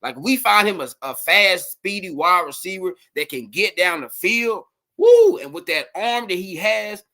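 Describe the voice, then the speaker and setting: Male sports podcast host, slightly raised pitch, casual rambling livestream talk. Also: measured pace. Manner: rambling, animated, addresses viewers as y'all.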